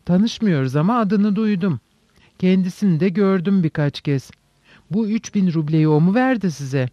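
A man's voice: high-pitched, expressive, moderate pace, warm tone, dry recording. A man voicing a wary, reproachful man who talks skeptically in an audiobook reading. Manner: chiding, skeptical. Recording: dull dry recording.

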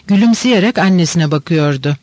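A man narrating a classic novel in an audiobook, measured and even. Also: sits high, dry recording. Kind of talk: scripted literary narration.

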